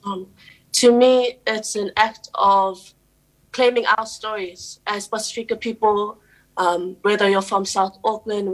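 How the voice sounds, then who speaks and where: Earnest young New woman, flat delivery. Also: mid-range voice, poor audio. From New Zealand. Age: young adult. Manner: earnest and steady, with frequent "um" pauses. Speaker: guest, poet and youth advocate. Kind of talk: radio interview answers.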